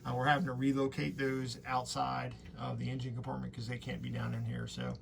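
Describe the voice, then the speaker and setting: A man's voice: medium pitch, brisk. A man hosting a casual walkthrough vlog, explaining things in an easygoing, somewhat hesitant way. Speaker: boat owner and vlog host. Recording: noisy camera audio, clear background noise.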